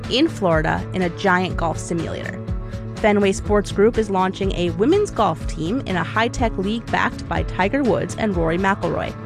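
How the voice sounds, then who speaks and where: A woman anchors a scripted news briefing, reading in a crisp, measured way. A steady music bed plays under her voice throughout, and her pitch sits in an ordinary middle range. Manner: crisp, measured newsreader delivery.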